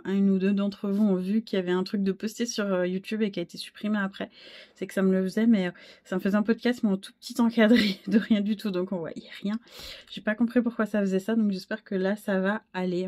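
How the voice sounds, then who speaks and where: A woman's voice: medium pitch, darkish tone. Scatterbrained woman chatting about her knits. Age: 30s. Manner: scattered, self-deprecating, many fillers and restarts. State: a bit hoarse, frog in the throat. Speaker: wool dyer and knitting podcaster. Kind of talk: casual knitting vlog chat.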